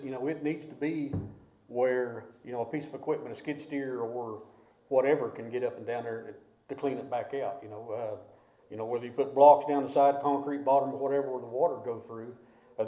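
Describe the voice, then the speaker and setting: Rambling man with a mellow voice. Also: medium pitch. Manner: rambling, halting, many fillers. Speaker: committee member. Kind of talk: public meeting discussion. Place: council meeting room. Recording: echoey meeting room.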